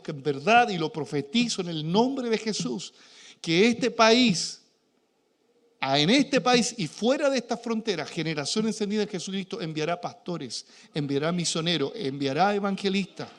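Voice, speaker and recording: A man with a Chilean accent preaching a charismatic sermon as pastor of a church, moving between shouted exhortation and quiet, joking asides. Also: sits high. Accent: Chilean Spanish. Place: church sanctuary.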